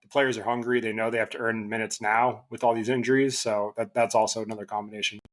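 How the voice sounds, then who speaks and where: A guest on a basketball podcast, a man whose voice is giving out, talks casually in halting bursts and keeps restarting. His pitch is fairly low and his tone fairly bright, with a flat delivery.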